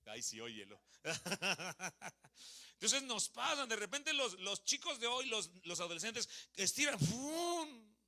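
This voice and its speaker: In a church hall, a Mexican man in his thirties preaches slowly in a very high voice. His accent is Mexican Spanish. Despite the unhurried pace, he's lively, asking the congregation questions and making jokes.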